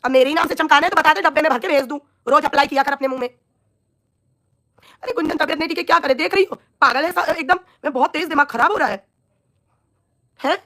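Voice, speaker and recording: Her voice sits high, pushed and bright, as she talks fast between long pauses. Coughing through a scratchy throat, the woman delivers an angry live-stream rant at her audience, berating and insulting a rival.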